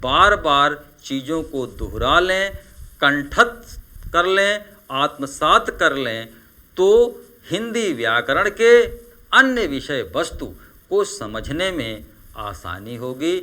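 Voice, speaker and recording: Man, teacher, grammar lesson, measured and unhurried, fairly high voice. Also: very animated, bright, forceful tone. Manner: slow, deliberate listing of word examples. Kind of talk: exam-prep grammar lesson.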